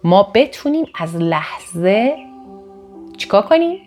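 A woman from northern Iran delivers a lively motivational talk to her viewers. Her pitch often leaps up for emphasis, and she restarts or corrects herself partway through sentences. Faint music plays in the background.

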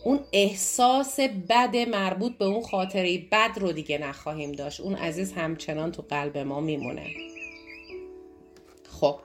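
A woman teaches a self-help course with lively energy, often asking a question and answering it herself. Her voice sits a little low, and clear background music plays beneath it throughout. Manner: animated, asks and answers own questions. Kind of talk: motivational lesson talk.

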